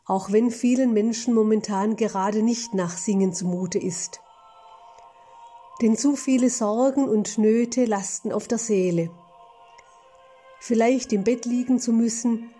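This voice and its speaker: A woman delivering a scripted sermon in a slow, measured, contemplative way. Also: a little high, dark tone. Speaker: preacher.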